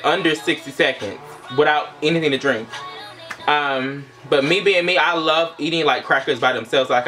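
A man's voice: on the high side, sharp tone. A young man chatting casually to camera as a vlogger, informal and full of playful asides. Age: young adult. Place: small indoor room.

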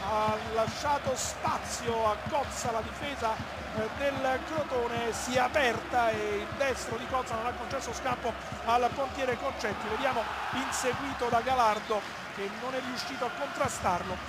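High-pitched male football commentator, excited, stadium noise. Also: moderate pace. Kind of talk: live Italian TV football commentary.

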